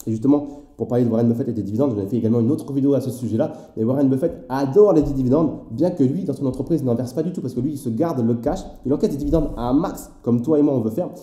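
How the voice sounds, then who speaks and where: A man talks fast and informally, as if chatting with a friend, with frequent filler words. His voice is dark and mellow. The sound carries a noticeable room echo. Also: medium pitch. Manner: chatty, addresses viewer informally, many fillers. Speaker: finance YouTuber. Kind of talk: casual explanatory video.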